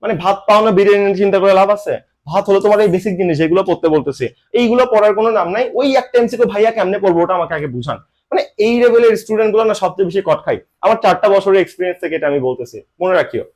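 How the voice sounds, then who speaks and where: Fast-talking Bangladeshi man teaching. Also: high voice, darkish tone. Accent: Bangladeshi Bengali, colloquial. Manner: brisk, teasing, asks rhetorical questions. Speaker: admission coaching teacher. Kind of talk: online lecture.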